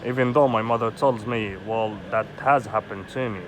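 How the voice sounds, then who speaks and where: Outdoors amid loud street traffic, an Egyptian man in his thirties vents in a rambling vlog monologue, agitated, swearing freely and leaning on "you know." His voice is lowish and fairly even, at a normal speed.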